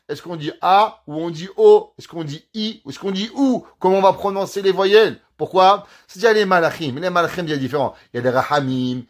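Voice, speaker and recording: A rabbi gives a spoken Torah lesson in a fairly high voice. He keeps questioning his listeners and answering himself, with animated rises and falls. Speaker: rabbi teaching.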